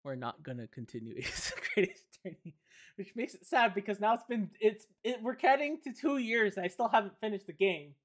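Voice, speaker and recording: A woman's voice: medium pitch, lively intonation, moderate pace, a little hiss or hum. Rambling woman streamer. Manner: rambling, self-correcting. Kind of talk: casual let's-play chat.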